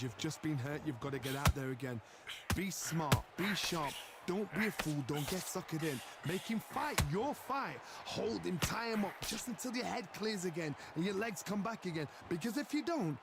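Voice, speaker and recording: A man's voice: a little high, expressive, normal speed, very noisy. A man playing a seasoned boxing color commentator who breaks down fights with earnest advice. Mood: urgent advice. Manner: earnest, advice-giving analysis. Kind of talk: sports commentary.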